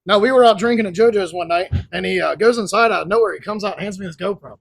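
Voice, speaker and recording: A man with a high, gravelly voice tells long stories in a casual, rambling way. The sound is dry and close, with no room echo. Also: fast talker. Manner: rambling, laid-back storyteller. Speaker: podcast guest. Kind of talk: casual storytelling.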